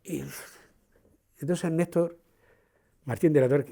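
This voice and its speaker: An actor playing a gravelly proud Canarian elder. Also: male voice, on the high side, slow. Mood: proud storytelling. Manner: lively storyteller, addresses listeners directly. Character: proud older Canarian man recalling his life and music. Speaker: actor on a theatrical walking tour. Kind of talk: theatrical first-person storytelling.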